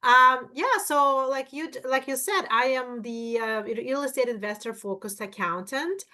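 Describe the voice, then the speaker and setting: A woman's voice: high-pitched, measured pace, sharp tone. A woman in her fifties from Russia, speaking English with a Russian accent as a guest on a livestream interview, chatty, with many fillers and restarts. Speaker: guest accountant.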